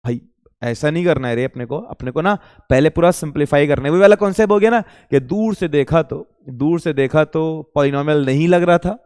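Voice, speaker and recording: Male coaching teacher, casual question-and-answer lecture style, clear resonant voice, reverberant classroom. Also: on the high side, a little fast, darkish tone. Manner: asks rhetorical questions and answers them himself; informal, addresses students directly. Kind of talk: exam-prep lecture. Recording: reverberant room.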